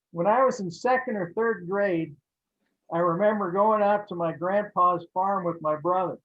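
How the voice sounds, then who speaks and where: A man's voice: high-pitched, dull audio. A man hosting a casual talk show who laughs easily as he tells stories. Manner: chuckles while telling a story. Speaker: host.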